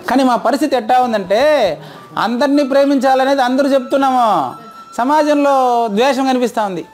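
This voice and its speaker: A man's voice: very high voice, steady tone, quick pace, a little mellow. A man teaching a group, asking his audience questions over and over and checking their answers. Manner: quizzes audience, repeats questions. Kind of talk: interactive lecture.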